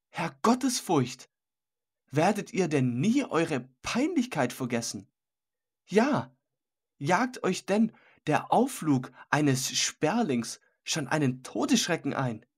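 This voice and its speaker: A man voicing a carefree, mocking male host who scoffs at warnings, in a raised, husky voice. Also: on the high side, exaggerated voice. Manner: scornful, brushing off warnings. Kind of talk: audiobook character voice.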